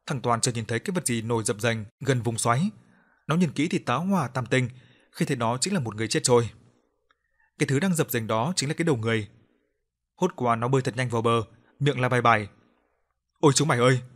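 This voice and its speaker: A man, reading a village ghost story aloud in a steady, even storytelling voice. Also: medium pitch. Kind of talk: audiobook narration of a ghost story.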